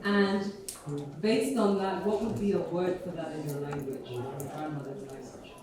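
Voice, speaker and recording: A woman's voice: low-pitched, steady tone, normal speed, a loud crowd. Woman running a workshop, chatty and coaxing, far from the mic in a big echoey hall with people around. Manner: informal, chatty, coaxing the room. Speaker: workshop facilitator. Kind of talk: facilitating a group session. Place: conference hall.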